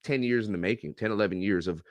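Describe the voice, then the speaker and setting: A man's voice: fairly low pitch, fast talker, no room sound. A middle-aged man telling stories on a podcast in a casual, joking, profane way. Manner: animated, profane, joking storyteller. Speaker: guest, YouTube reactor and coach.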